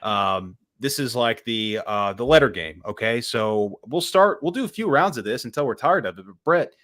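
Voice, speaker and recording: A man's voice: mid-range voice, lively intonation, normal speed, fairly bright tone, no echo, clean studio sound. Laid-back swearing podcast host man. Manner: loose, swearing, chatty, hesitant with fillers. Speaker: podcast host running a game segment. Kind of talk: casual podcast chat.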